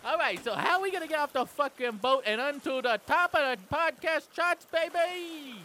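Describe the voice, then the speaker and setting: A man's voice: very high voice, expressive, moderate pace, sharp tone, slight background noise. A man doing improvised comedy on a podcast, rowdy and profane, laughing often.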